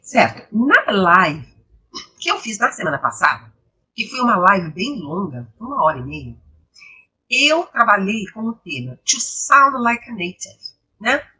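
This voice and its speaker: A woman from Brazil teaching English online, mixing in Bible reflections, explaining patiently and asking her class rhetorical questions, her voice a little hoarse. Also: medium pitch, sing-song, unhurried, sharp tone, low-quality recording. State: slightly hoarse, coughing. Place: home, live stream.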